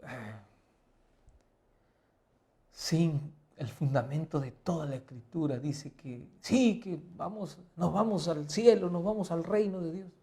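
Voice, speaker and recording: Emphatic pastor with a mellow voice. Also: male voice, on the high side, slow pace. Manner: asks the listener rhetorical questions; emphatic, swinging between quiet and loud. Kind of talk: Bible lesson sermon.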